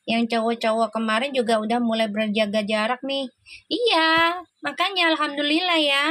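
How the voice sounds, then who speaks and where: Excitable high-voiced tarot reader woman. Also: normal speed, no echo. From Indonesia. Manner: excitable, exclaiming, laughing often. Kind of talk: live tarot reading chat.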